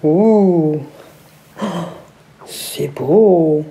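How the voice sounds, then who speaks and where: A woman's voice: low-pitched, drawn-out words, mellow. A woman vlogger chatting casually through a haul review, gushing with enthusiasm over each item.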